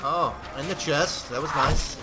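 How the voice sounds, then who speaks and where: A man's voice: a little high, a little slow. Profane man narrating gameplay, rambling. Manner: profane, rambling, bursts of shouting. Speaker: gameplay commentator. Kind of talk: casual gameplay commentary. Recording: loud game music behind the voice.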